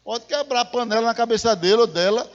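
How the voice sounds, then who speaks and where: A man's voice: very high voice, fast talker. A man preaching a sermon as an evangelist, telling a story with animation and calling his listeners brother. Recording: reverberant hall, muffled lo-fi sound.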